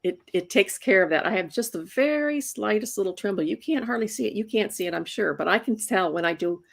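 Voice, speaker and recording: Animated and fairly quick, this mid-range voice with vocal fry belongs to a comics inker in her sixties. She's chatty in an interview, frequently starting over and repeating words as she does.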